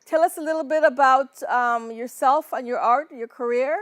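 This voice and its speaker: High-voiced woman hosting an interview. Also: moderate pace, no echo, studio quality. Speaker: show host. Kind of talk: hosted interview.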